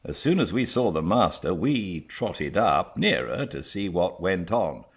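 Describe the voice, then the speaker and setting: Deep voiced guy reading a storybook slowly, lots of up and down, bit husky. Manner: measured, expressive storytelling. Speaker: audiobook narrator. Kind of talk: expressive scripted storybook narration.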